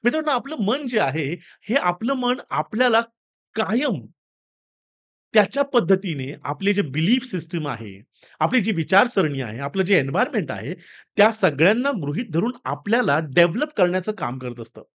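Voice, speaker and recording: A man delivers a motivational talk built around a story, his voice high for a man and swinging widely in pitch. He speaks in an animated, direct way, addressing listeners as friends. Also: normal speed.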